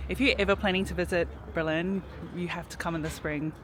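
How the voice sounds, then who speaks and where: A woman talks through her personal story in a relaxed, reflective way, dropping plenty of casual fillers. She records outdoors in a city park, with faint traffic behind her. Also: lowish voice, fairly quick. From New Zealand. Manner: reflective, chatty, frequent "like" fillers. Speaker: vlogger.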